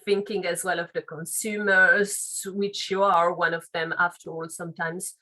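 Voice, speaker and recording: Low-pitched Frenchwoman, thoughtful interview guest. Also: level tone, normal speed, pushed and bright, rough recording. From France. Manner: thoughtful, reflective, loose phrasing with restarts. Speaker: guest, legal and compliance officer. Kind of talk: interview answers.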